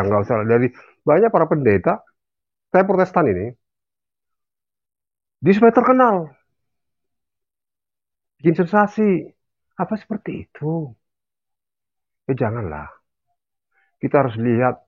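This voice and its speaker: Seorang pria yang bergabung dalam diskusi daring lewat sambungan telepon, berbicara sungguh-sungguh dengan nada menasihati. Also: male voice, a little high. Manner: earnest, admonishing. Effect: heard over a phone line. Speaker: caller joining an online discussion. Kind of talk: casual opinion sharing. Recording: tinny phone-line sound.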